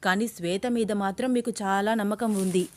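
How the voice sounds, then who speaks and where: A woman's voice: steady tone, moderate pace, a little hiss or hum, natural voice. A woman voicing a young woman in love who is agitated and fiery, in an audio story. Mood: angry. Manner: shrill, agitated pleading.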